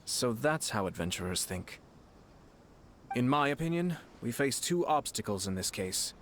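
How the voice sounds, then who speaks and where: An actor playing a courteous, calculating young noble official in a video game, speaking in a formal, measured way. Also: male voice, mid-range voice, sing-song, a bit bright, slight background noise. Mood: thoughtful.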